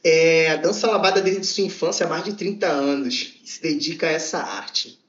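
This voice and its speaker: Give me an upbeat, chatty Carioca man hosting a podcast, a bit high-pitched, recorded in an echoey room. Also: moderate pace, fairly bright tone, muffled recording. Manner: upbeat, chatty, laughs often. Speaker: podcast host. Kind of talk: casual chat.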